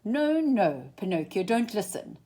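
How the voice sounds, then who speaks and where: Woman as small male cricket, watchful, scolding, urgent, wide pitch swings, storybook character. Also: big pitch swings, a little slow, warm tone. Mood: alarmed. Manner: urgent, admonishing.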